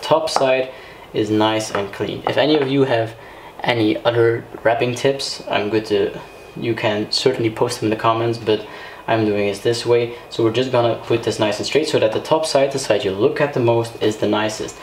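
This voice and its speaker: A man's voice: medium pitch, fairly even intonation, normal speed. A man hosting a DIY video, casually explaining things step by step in a conversational way. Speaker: host of a DIY car series. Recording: roomy echo, clear background noise.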